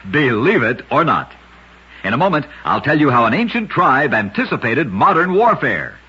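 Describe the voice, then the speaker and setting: Reading a script as host of a vintage radio show about short true oddities, an American man tells each story dramatically. His voice is medium-pitched, husky, and very animated, with a sharp tone and a moderate pace. A dull, lo-fi vintage radio sound colors the recording.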